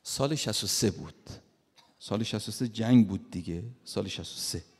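A man with a low, gravelly voice delivers a sermon as a story, now and then breaking into loud bursts as he acts out what others said. His voice rings out with the long reverb of a large hall. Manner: retells a story, acting out quoted lines with sudden loud bursts. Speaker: preacher.

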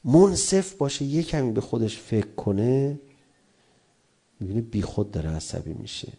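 Man, middle-aged cleric, sermon, gravelly, dark mellow tone, lively acted-out quarrels. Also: mid-range voice. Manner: animated, acts out quarrelling spouses in raised voices.

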